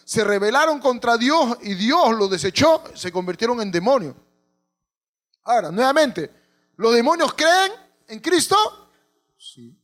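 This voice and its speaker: A man's voice: very high-pitched, very animated, unhurried, pauses often, a bit bright. A male pastor, preaching a sermon and putting questions to the congregation.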